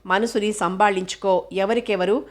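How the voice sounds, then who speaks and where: A woman voicing a sorrowful, resigned young woman in a spoken novel, grave and measured. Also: mid-range voice, fairly even intonation, natural voice.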